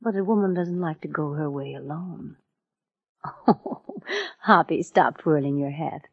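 A woman's voice: deep voice, unhurried, gravelly, husky, heavily acted. An actress playing a scheming, seductive and imperious frontier woman in a 1950s radio western. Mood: coaxing, ambitious. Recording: muffled old 1950s radio recording.

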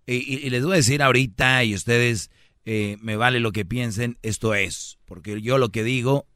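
A man's voice: mid-range voice, moderate pace, a bit bright, dry recording, clean studio sound. A man hosting a radio talk show, arguing with callers in a combative, self-assured and lecturing manner. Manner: repeats a slangy address to callers. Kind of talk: heated on-air argument.

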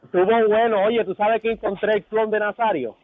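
A man's voice: high-pitched, fairly even intonation, brisk, dry recording. A man calling into a radio show, friendly and chatty, heard over a tinny phone line. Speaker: caller.

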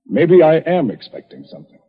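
An actor playing a calm, defiant male doctor in a 1940s radio drama, clipped and unflappable, on a lo-fi old recording. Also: fairly high pitch, a little fast, slightly rough, heavily acted. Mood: cool. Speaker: doctor, hero.

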